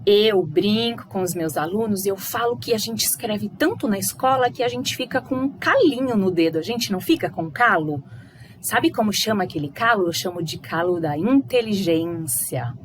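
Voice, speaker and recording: A woman's voice: mid-range voice, expressive, normal speed, slight background noise. A Brazilian woman teaching a primary school language lesson to children in a coaxing, sing-song manner. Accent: Brazilian Portuguese.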